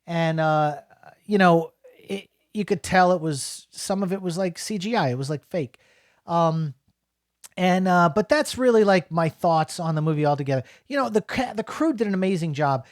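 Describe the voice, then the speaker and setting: A man's voice: high-pitched, animated, normal speed, dry recording, clean studio sound. A middle-aged man from New Jersey giving a casual, rambling spoken film review, full of fillers and restarts.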